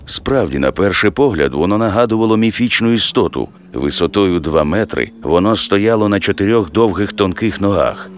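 A man narrating an audiobook in a steady, measured reading. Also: sits low, a little hiss or hum.

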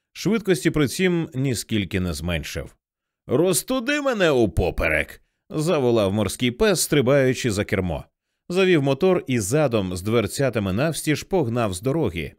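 A man reading a novel aloud as a scripted audiobook, telling it vividly. His mid-range voice moves in a lively, rising and falling melody, recorded dry and close with no room sound. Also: medium pitch, no echo. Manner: vivid, expressive storytelling. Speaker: audiobook narrator.

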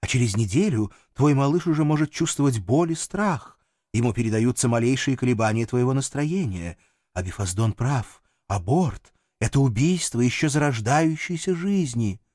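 A man voicing a gentle, patient male angel in an audiobook, speaking in a soothing way. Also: mid-range voice, animated, normal speed, dry recording, clean studio sound, natural voice. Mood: earnest.

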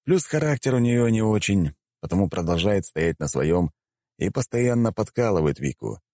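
Male audiobook narrator, very low and lively, calm and wry first-person delivery. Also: moderate pace, no echo, studio quality.

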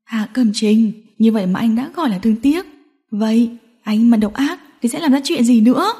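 A woman voicing a hysterical, spiteful young woman in an audiobook drama, shrill and mocking. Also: animated, normal speed, warm tone.

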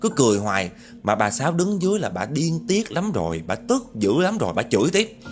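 A man narrating a ghost story in a lively, dramatic way, addressing his listeners directly. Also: mid-range voice, a little fast, faint music behind.

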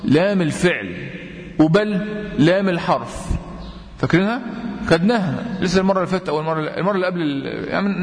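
A man with an Egyptian accent teaching tajweed, quizzing his students with repeated questions and chanting verse examples slowly. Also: sits high. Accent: Egyptian Arabic. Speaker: Quran recitation teacher. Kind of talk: tajweed lesson. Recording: long reverb.

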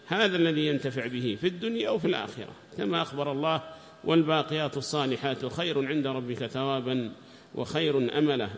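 A man teaching a lesson on a classical Quran commentary. He reads the text aloud slowly, then explains it in a calm teaching tone. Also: a little high. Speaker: religious teacher. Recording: long hall reverb.

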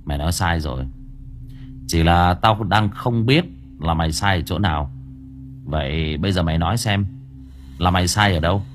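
A man's voice: sits low, expressive, moderate pace, long pauses, faint music behind. A man voicing a cold, cocky male exorcist master who taunts and commands in an audio storybook. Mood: probing.

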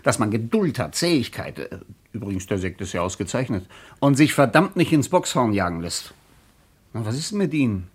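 An actor playing a worn-out but stubborn traveler who grumbles defiantly in a radio drama. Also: male voice, mid-range voice, big pitch swings, a little fast, husky. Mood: weary defiant. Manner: weary yet defiant, grumbling.

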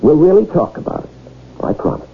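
A weary, defensive husband argues in a rough, gravelly voice that swings widely in pitch. It is radio drama, with a telephone-thin sound. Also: male voice, wildly swooping pitch, a little fast, heavily acted. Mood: exasperated, placating. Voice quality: gravelly, husky. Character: defensive, weary husband home late from restaurant work. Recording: thin narrow-band radio recording.

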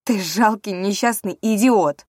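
A woman's voice: on the low side, moderate pace, no room sound, studio quality, natural voice. A woman voicing a fierce, defiant young witch heroine with an urgent, fiery delivery.

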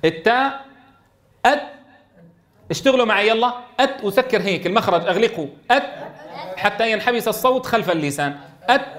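A man teaching Quran recitation to a class, quizzing students and sounding out letters slowly. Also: high voice, fairly bright tone. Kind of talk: classroom tajweed lesson.

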